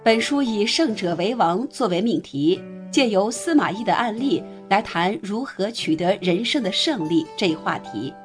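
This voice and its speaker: A woman narrating a nonfiction history audiobook in a steady, even reading voice. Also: mid-range voice, moderate pace, few pauses, soft background music.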